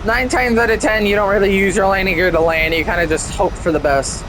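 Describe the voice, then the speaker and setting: A man's voice: sits high, steady tone, a little fast, noisy background. A young man casually commenting while playing a flight game, rambling and chatty with frequent restarts. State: hiccups. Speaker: gameplay streamer.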